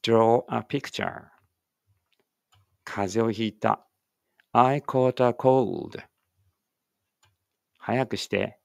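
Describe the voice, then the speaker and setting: A male English teacher reads short phrase pairs aloud, each Japanese line followed by its English version, at a very slow, careful pace. His voice has a gravelly texture and sits in an ordinary middle pitch. The recording is close and dry. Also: no echo.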